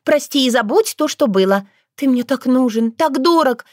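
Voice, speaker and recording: Audiobook: woman voicing a vain clingy vixen, pitched high, shrill and pleading, dry close sound. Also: animated, moderate pace, a little mellow, no room sound. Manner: shrill, wheedling then hissing. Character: pushy vain young vixen, fox-woman, clingy and spiteful. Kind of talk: audiobook character voice.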